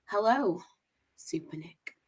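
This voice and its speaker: Crowd noise surrounds a young, posh-sounding Manchester woman as she hosts a casual livestream roundup for a women's football review show. Her mid-range voice is animated, and she takes it slowly while reeling off scores with upbeat enthusiasm.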